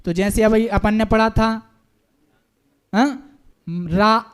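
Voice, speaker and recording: A man with a fairly high voice leads a class at a slow, deliberate pace. He stretches each syllable out for the students to repeat. He corrects them patiently and encourages them. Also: steady tone, fairly bright tone, clear, resonant tone, faint music behind. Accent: Hindi. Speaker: Jain monk teaching a class. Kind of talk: pronunciation lesson, call and repeat.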